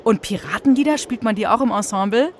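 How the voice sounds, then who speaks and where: A woman presenting a children's radio show in a chatty, playful, expressive storytelling style, speaking straight to the listeners. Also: fairly high pitch, brisk, background noise. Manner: expressive, addresses young listeners directly. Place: radio studio.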